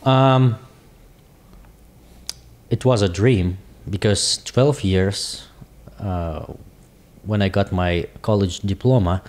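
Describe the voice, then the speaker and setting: A man in his forties with a Russian accent, speaking in halting, searching English as an interview guest. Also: low voice, a little mellow. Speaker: guest, business owner. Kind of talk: casual interview talk.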